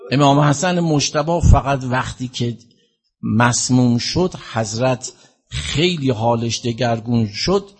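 Man, husky voice, mourning sermon, lamenting drawn-out delivery. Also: mid-range voice, a little mellow. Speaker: religious eulogist.

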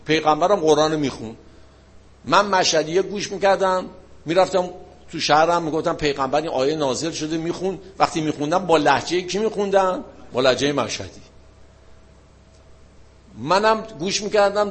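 A man with a slightly high-pitched voice teaches a relaxed religious lesson. He walks through each point patiently, posing questions and then answering them himself. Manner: explanatory, asks and answers his own questions.

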